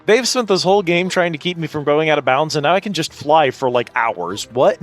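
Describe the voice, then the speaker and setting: Guy streamer chatting over game music, playful, voice kinda high and swinging all over. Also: animated, fairly quick. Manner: playful, exclamatory greetings to viewers. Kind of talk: casual live gaming stream chat. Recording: music behind the voice.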